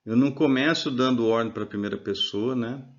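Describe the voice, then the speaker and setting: A man's voice: mid-range voice, a little fast, highs cut off. A man teaching a grammar lesson over slides, explaining patiently and often checking that listeners follow.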